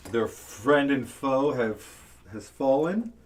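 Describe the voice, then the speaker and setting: A man acting as game master of a homemade tabletop game, explaining rules and scenes at a relaxed pace with lots of fillers. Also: mid-range voice, slow, distant mic.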